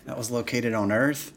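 At an indoor card-streaming table, a man with a medium-pitched voice casually breaks a live trading card box. He chats as he opens packs and reads the cards aloud, with a faint hiss or hum in the audio.

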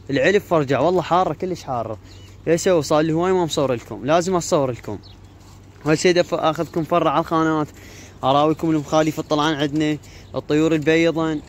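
With a slightly high voice and an Iraqi Arabic accent, a YouTuber who keeps pigeons chats loosely into his handheld phone, repeating filler phrases as he rambles. The outdoor recording comes from a pigeon yard with cages, with birds cooing and faint noise in the background.

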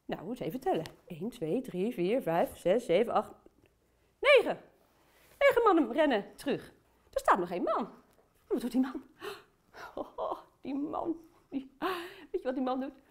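A woman's voice: high voice, huge pitch swings, a little slow, long pauses, full character voice. A woman playing a cheerful, chatty aunt who tells a Bible story to children and talks to them directly.

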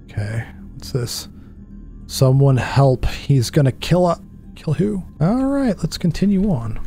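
A gaming channel host in his thirties sits at a desk in a small dark room, wearing a headset with a desk mic, and does let's play commentary on a horror game. His voice is gravelly and mellow as he chats and jokes to himself, mocks his own mistakes, and jumps up in pitch whenever something startles him.

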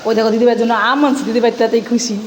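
A woman's voice: a little high, flat delivery, very fast, background noise. A mother filming her small children, talking to them in a playful, coaxing way as she narrates. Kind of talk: casual family vlog narration.

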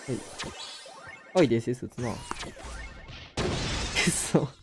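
A man with a Kansai accent giving excitable live commentary on his own game, exclaiming and laughing often. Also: medium pitch, moderate pace, background noise. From Kansai, Japan. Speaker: game streamer.

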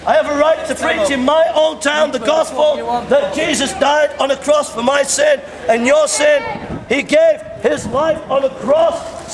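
A middle-aged man preaches in the open air, high-pitched and insistent, hammering the same lines again and again. He is caught by a camera a few metres away on an echoey shopping street. Crowd chatter fills the background. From England. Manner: loud, repetitive, confrontational, pointing and gesturing. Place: outdoor pedestrian shopping street. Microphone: handheld camera a few metres away. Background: passers-by and crowd noise.

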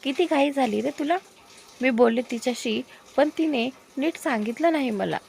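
A lively young woman in a storybook romance, the heroine's loyal best friend, who teases and bosses people around, as a woman narrator plays her. Her voice sits fairly high. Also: moderate pace, creaky, a little hiss or hum. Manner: teasing, bossy. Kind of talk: storybook character voice.

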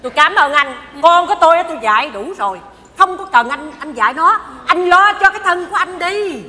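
An actress playing a sharp-tongued older mother-in-law, scolding her son-in-law in a live stage comedy. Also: extremely high pitch, expressive, full character voice. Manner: scolding, indignant, quick retorts. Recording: live stage, hall reverb, audience noise.

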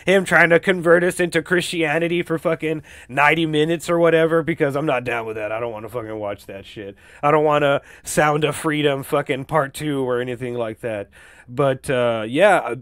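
A man's voice: a little high, dry recording, studio quality. A man hosting a solo podcast, ranting casually about movies and TV with constant swearing and fillers. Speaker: podcast host.

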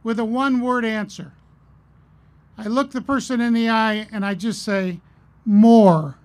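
A middle-aged man giving a commencement address at a podium, earnest and measured, telling stories with pauses. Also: sits high, fairly even intonation, a little mellow. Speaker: commencement speaker. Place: outdoor stage at a podium. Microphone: podium mic on a stand.

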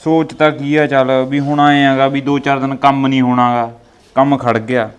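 A man playing a grown son who calmly explains how he got hurt. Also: medium pitch, normal speed, smooth, natural voice. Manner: calm, explaining. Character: injured grown son, calm and patient.

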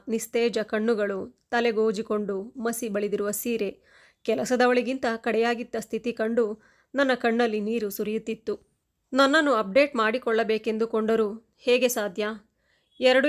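Woman telling a heartfelt moral story. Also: on the high side. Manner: emotional, expressive storytelling with voiced dialogue. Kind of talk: first-person story narration.

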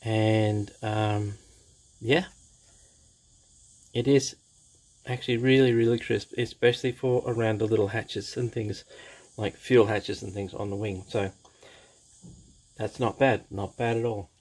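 A man's voice: lowish voice, level tone, measured pace, long pauses, darkish tone, low-quality recording. A man casually reviewing a plastic model kit as he shows the parts, enthusiastic and repeating his praise, with fillers.

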